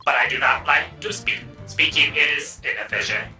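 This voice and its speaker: A player voicing a stiff male bomb disposal expert in a robot voice, with slow, clipped, monotone words. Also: mid-range voice, vocal fry, roomy sound, distant mic, faint music behind. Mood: robotic. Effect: robot voice, flat mechanical delivery. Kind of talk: fan voice dub of a game.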